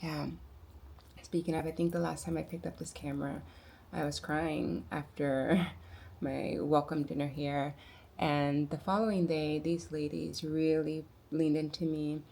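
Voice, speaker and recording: Low gravelly woman musing softly. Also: level tone. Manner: soft-spoken, musing, with quiet asides; unhurried and searching for words. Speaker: vlogger. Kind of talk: personal reflective vlog.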